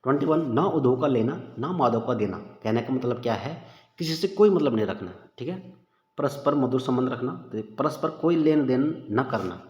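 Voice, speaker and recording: A chatty male teacher going through exam questions in an easygoing, informal way, often calling his listeners "bhai." His voice sits at an ordinary middle pitch. The recording is dull and lo-fi, with a long, echoing reverb. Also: expressive, normal speed, a little mellow. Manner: chatty, addresses viewers as "bhai", thinks aloud. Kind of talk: casual exam-prep lesson. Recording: echoey room with long reverb, dull lo-fi sound.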